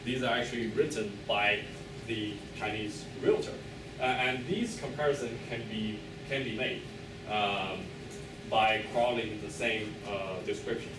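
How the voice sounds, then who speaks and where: A man's voice: on the low side, fairly even intonation. Hesitant man presenting in an echoey room. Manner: hesitant, hedging, halting delivery with many filled pauses. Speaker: PhD candidate presenting a thesis defense. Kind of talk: academic presentation, loosely scripted. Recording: echoey room, distant mic, clear background noise.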